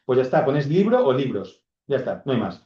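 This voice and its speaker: A man's voice: medium pitch, very animated, fast talker. A man lecturing a class, explaining step by step and often checking in with his students. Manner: explanatory, checks in with frequent "¿vale?". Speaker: university lecturer. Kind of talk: classroom lecture on corpus linguistics. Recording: echoey, dull lecture room recording.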